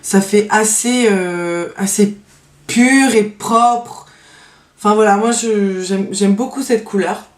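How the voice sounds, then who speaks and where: Slow and medium-pitched, a woman's voice echoes through the room as she casually shows her favorite nail polishes for a vlog. Though she's hesitant, dropping lots of fillers and a trailing "donc voilà," she gets enthusiastic about the polishes she prefers.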